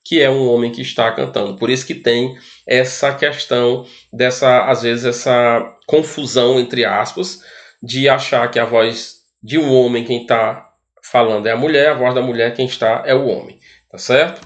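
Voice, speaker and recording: A man's voice: mid-range voice, steady tone, moderate pace. A man with a Brazilian Portuguese accent teaching an arts lesson, explaining step by step and often asking the class rhetorical questions. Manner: explanatory, asks rhetorical questions, frequent tag questions.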